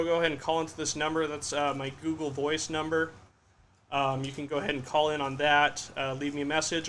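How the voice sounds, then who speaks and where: This is a young man running his own podcast from a home room, talking casually and a bit self-deprecatingly with plenty of "uh"s and restarts. His voice sits slightly high and sounds bright and forward. A faint fan hum runs underneath. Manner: rambling, self-deprecating, many fillers and restarts. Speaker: podcast host. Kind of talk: casual solo livestream podcast. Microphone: podcast studio microphone.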